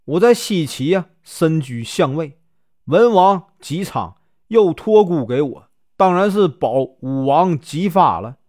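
A man's voice: on the high side, very animated, takes it slowly, darkish tone. A man voicing Jiang Ziya, a loyal and honest older male strategist who reasons earnestly, in a storybook telling.

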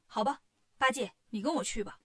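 A woman voicing a bold monkey king hero in a storybook tale, speaking briskly and directly. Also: fairly high pitch, close to an everyday voice. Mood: brash.

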